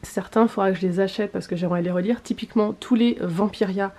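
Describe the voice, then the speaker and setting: A woman with a medium-pitched, mellow voice talks fast in a casual chat about her books. She's a book vlogger who fills her speech with fillers, clears her throat, and says she's losing her voice.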